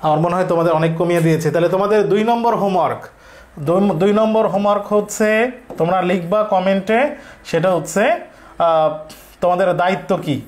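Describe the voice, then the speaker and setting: A man with a Bangladeshi accent teaches grammar online in a high voice. He drills the class by firing off questions and answering each one himself, repeating his points. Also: quick pace, a little mellow. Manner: repetitive, drilling.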